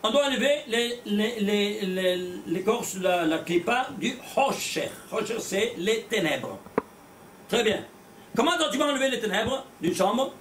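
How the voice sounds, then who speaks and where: A man teaching a religious class, animated and blunt, firing rhetorical questions at his students and repeating words as he goes. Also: high-pitched, a little slow, a little hiss or hum. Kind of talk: lively religious lecture to a small class. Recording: echoey room, voice from far off.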